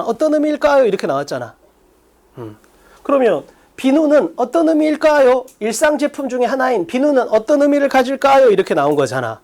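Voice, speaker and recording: A man teaching an exam-prep English class, prodding his students with quick rhetorical questions. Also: very high-pitched, a little mellow. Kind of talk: lecture.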